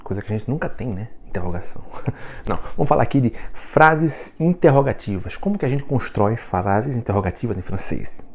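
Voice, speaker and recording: Lively, joking Brazilian man teaching. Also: medium pitch, a little fast. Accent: Brazilian Portuguese. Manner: jokey, laughs at his own puns; chatty, checks in with "né?" and "tá?". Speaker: French teacher. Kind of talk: casual video lesson.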